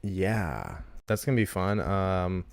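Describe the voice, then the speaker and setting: A man's voice: low-pitched, big pitch swings, slow, vocal fry. A man in his thirties co-hosting a comedy podcast, rambling and joking with lots of swearing. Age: 30s. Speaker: podcast co-host. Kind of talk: casual chat.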